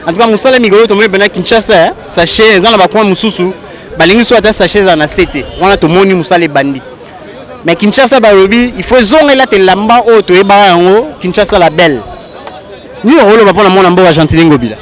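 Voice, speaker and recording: Fast-talking male street reporter. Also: high-pitched, a faint crowd. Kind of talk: street interview. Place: outdoors on a city street.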